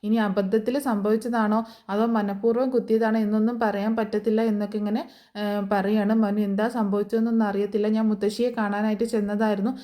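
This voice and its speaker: A woman's voice: mid-range voice, little pitch movement, fairly quick, dark tone. A woman casually retelling a TV serial episode as a voice-over, chatty and full of fillers. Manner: chatty, frequent fillers and tag words. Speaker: serial review narrator. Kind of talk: casual storytelling recap.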